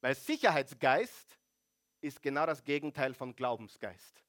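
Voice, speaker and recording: Animated preacher. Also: male voice, mid-range voice, a little slow. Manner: animated, rhetorical questioning of the congregation. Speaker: pastor. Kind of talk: sermon.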